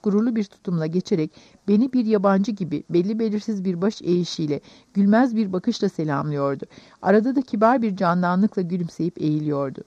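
A woman narrating a novel in the first person with calm, measured storytelling, on a dull recording. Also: medium pitch, no room sound. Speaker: audiobook narrator.

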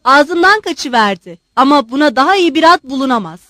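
Lady reading a furious old general, yelling and proud, high voice, dry sound. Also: very animated, a little fast, dry recording, full character voice. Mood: indignant shouting. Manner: shouting, wounded pride. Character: old blustering male general, proud and raging.

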